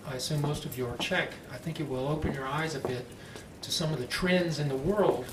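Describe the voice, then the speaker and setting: Opening a public panel, this fairly high-pitched American man speaks in a standard accent, unhurried and carefully articulated. The conference room recording is distant, echoey and picks up plenty of room noise.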